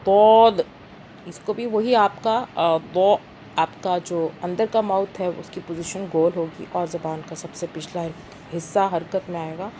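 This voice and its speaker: Woman teacher slowly drilling letter sounds. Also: on the low side, steady tone, darkish tone, a little hiss or hum. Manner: slow drawn-out drilling of syllables, then brief explanations. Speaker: Quran reading teacher. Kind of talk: recited letter-sound lesson.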